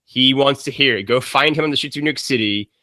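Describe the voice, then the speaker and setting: A man's voice: medium pitch, fast talker, bright, forceful tone, no room sound. Man, casual podcast guest, rambling, many ums and likes, dry recording. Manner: rambling, laughs often, many fillers.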